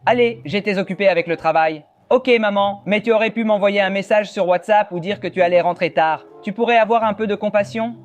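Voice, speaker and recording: A man's voice: high-pitched, fairly quick, hardly any pauses, dull audio, voice pushed up, close to an everyday voice. A man voicing a whiny, demanding little boy in a game. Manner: whining, pleading.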